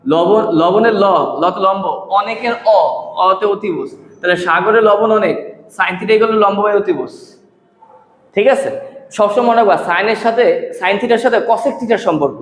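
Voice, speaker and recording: A male math teacher gives a classroom lecture, repeating key terms, quizzing his students and using rhymes as memory aids. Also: high-pitched. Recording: echoey, reverberant room.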